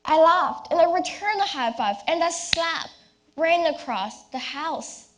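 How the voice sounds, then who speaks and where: Young woman, high voice, slow deliberate pace, memorized contest speech, theatrical storytelling, dramatic pauses. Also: expressive. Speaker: youth speech competition contestant. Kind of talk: rehearsed competition speech, personal storytelling.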